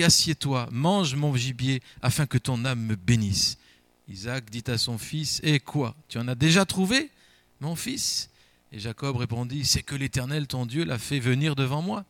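A man's voice: medium pitch, fairly bright tone, no room sound. A man preaching in French, first reading a Bible passage aloud and then explaining it with emphatic, rising and falling delivery and frequent repeated words.

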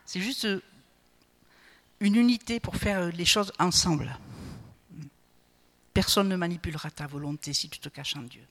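With a fairly low voice at normal speed and frequent pauses, a woman preaches a sermon in a chatty style. She keeps checking in with listeners using a questioning "hmm?" and stumbles over repeated words. A long hall reverb surrounds the recording.

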